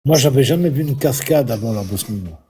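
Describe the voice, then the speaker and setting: A man's voice: medium pitch, animated, brisk, warm tone, a little hiss or hum. A middle-aged man from Belgium calling into a live stream, speaking earnestly and a bit hesitantly. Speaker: caller. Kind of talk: casual conversation.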